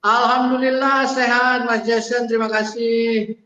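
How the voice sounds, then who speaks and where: A man's voice: very high voice, flat delivery, measured pace, bright, forceful tone. A male guest giving brief, polite replies, his voice ringing with heavy echo. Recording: echoey, dull remote line.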